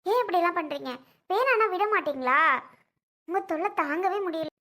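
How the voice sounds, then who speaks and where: A woman's voice: very high-pitched, lively intonation, brisk, fairly bright tone. A woman playing a bitter, tearful young wife. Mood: resentful. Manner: tearful, complaining and scolding. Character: bitter young wife grieving family losses.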